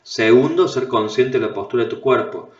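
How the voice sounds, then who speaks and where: A man with a Rioplatense Spanish accent giving an online class, explaining calmly and often checking in with tag questions, heard over a video call. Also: mid-range voice, moderate pace. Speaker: instructor. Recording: very echoey, dull lo-fi audio.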